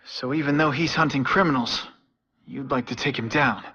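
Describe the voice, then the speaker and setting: An actor playing a wisecracking young superhero in a video game, with a casual, sarcastic manner. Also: male voice, medium pitch, normal speed, sharp tone, slightly rough, dry recording, highs cut off. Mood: inquisitive, earnest. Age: young adult. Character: wisecracking young male superhero, earnest and quippy.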